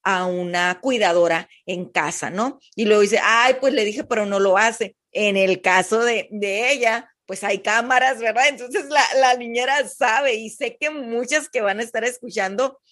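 A woman's voice: a little high, measured pace, few pauses, fairly bright tone. A woman hosting a podcast, chatting casually and sharing a story from a friend. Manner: chatty, loose, with restarts and fillers. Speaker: podcast host.

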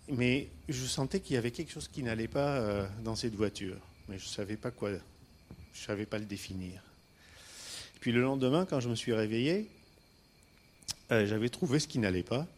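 A man from Istanbul telling his own life story on stage, hesitant with many pauses and fillers. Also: medium pitch, a little mellow, a little hiss or hum. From Istanbul, Turkey. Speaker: guest speaker.

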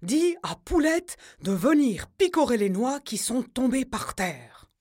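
A woman's voice: fairly high pitch, big pitch swings, takes it slowly, a little mellow, pitched above the performer's own voice, exaggerated voice. A woman voicing a loyal, clever little male dog in a children's storybook, confident and reassuring.

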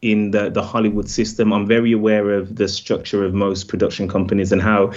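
A man's voice: lowish voice, little pitch movement, a little fast, darkish tone, lo-fi sound. A man, a film director, answering interview questions hesitantly with many fillers.

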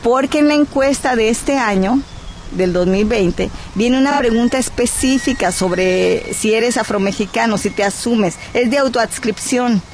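A woman's voice: fairly high pitch, unhurried, a little mellow, a little hiss or hum. A woman from Guerrero with a Mexican accent, speaking as a guest in a radio interview. She argues her case earnestly and stops often on hesitation sounds. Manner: earnest and persuasive, with frequent "eh" hesitations. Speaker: cultural advocate, interview guest.

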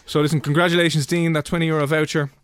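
A man's voice: fairly high pitch, flat delivery, rapid-fire, clear, resonant tone, no room sound. A man with an Irish accent hosting a radio show and promoting competitions in a chatty, informal way. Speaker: radio host.

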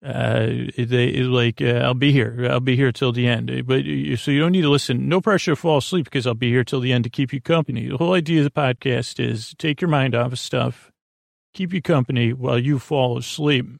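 Speaking close to a dry mic with no room sound, a man with a creaky, gravelly, middle-range voice rambles through a bedtime podcast. He stammers, doubles back on his words, and keeps a gently reassuring manner throughout.

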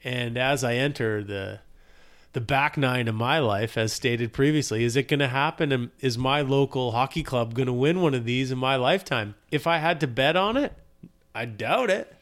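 A man in his forties from Canada, co-hosting a casual sports podcast. He talks in a relaxed, storytelling way and slips into quick character voices for the punchlines. His pitch sits in the middle of the usual male range. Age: 40s. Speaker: podcast co-host.

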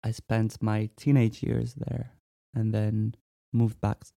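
A man in his twenties from France, a musician talking casually in an interview, relaxed and hesitant with many fillers. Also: lowish voice, slow, gravelly, no echo, clean studio sound. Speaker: musician guest.

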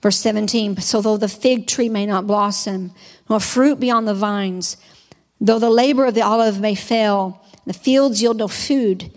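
A woman preacher giving a sermon, reading scripture aloud and then exhorting her listeners in an animated way. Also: medium pitch, a little slow, in a large hall.

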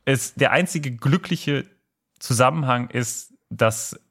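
A man with a mid-pitched voice co-hosting a casual podcast. He thinks aloud, restarting his sentences and filling pauses as he searches for words. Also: vocal fry, fairly bright tone. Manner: hesitant, restarts with many fillers. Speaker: podcast co-host. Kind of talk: casual chat.

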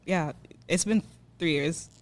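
A woman's voice: on the low side, takes it slowly. A woman in her twenties, from Switzerland, talking bluntly and outspokenly as a podcast guest, with lots of "like". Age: 20s. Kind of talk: casual chat.

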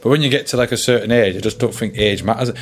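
A man's voice: fairly low pitch, rapid-fire, slight background noise. A thirty-year-old man, co-hosting a casual chat in a jokey way and often asking if you know what he means. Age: 30s. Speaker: podcast co-host.

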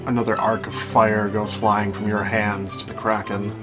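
A man's voice: fairly low pitch, little pitch movement, normal speed. A man acting as game master, improvising vivid, descriptive narration of a tabletop fantasy game and addressing the players directly. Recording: prominent music bed, somewhat distant mic. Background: music.

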